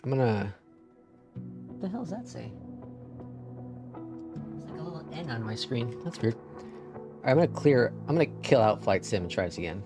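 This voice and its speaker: Over music, a man with a Midwestern accent from the Upper Midwest (Minnesota/North Dakota) talks casually while streaming a flight simulator, muttering to himself at the controls and letting slip some mild swearing. His medium-pitched voice swings widely in pitch, moving at a moderate pace with frequent pauses.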